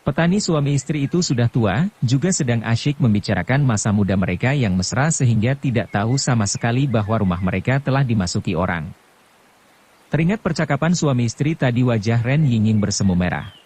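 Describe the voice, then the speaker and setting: A man narrating a martial arts novel as an audiobook, in a steady, calm storytelling manner. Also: medium pitch, a little fast, a little hiss or hum.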